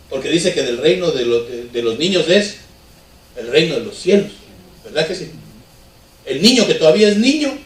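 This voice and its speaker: Echoey preaching pastor, higher-voiced man. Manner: conversational preaching with rhetorical questions. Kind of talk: sermon. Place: church hall. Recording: echoey church from far off.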